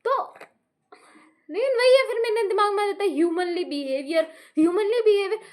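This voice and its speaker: High-voiced Indian woman venting. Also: expressive, brisk. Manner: frustrated venting, mixing Hindi and English, swears. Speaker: vlogger. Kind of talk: casual self-talk vent.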